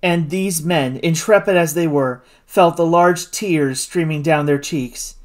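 A narrator reading a classic novel aloud in an expressive style. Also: medium pitch, measured pace. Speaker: audiobook narrator. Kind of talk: scripted audiobook narration.

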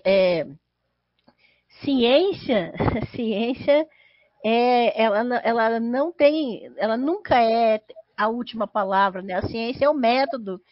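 A Brazilian woman with a fairly high voice hosts a casual livestream. She speaks hesitantly, doubling back on words, in a dry, slightly dull recording with no room sound. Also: no echo. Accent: Brazilian Portuguese. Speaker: host of a podcast livestream. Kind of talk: casual live chat. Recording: dull, dry lo-fi stream audio.

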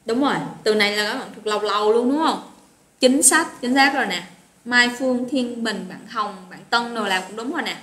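A woman's voice: on the high side, a little fast, fairly bright tone. Chatty woman teaching English. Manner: chatty, greets students by name, mixes English words into Vietnamese. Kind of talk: live online vocabulary lesson. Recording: roomy echo with faint noise.

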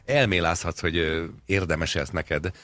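A man with an extremely deep voice co-hosts a comedic radio chat. He rambles wryly, piling up absurd examples with plenty of pauses and fillers. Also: a bit bright, no echo. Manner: wry, rambling, absurd jokes, frequent hesitations. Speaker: radio show co-host. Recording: studio radio talk show.

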